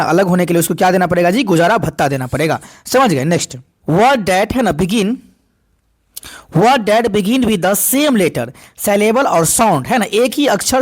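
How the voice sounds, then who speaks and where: A male teacher runs an exam-prep vocabulary lesson. He reads definitions slowly and then drills each answer again and again in call-and-response fashion. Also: high voice. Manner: repetitive call-and-response questioning, slow over English definitions.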